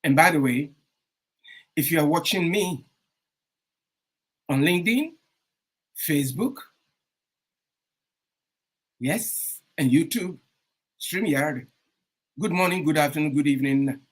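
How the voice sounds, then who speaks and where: A man hosting a radio talk show in a casual, animated way, with frequent fillers. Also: on the high side. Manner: animated, warm welcomes, frequent um fillers and laughs. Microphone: streamed studio mic.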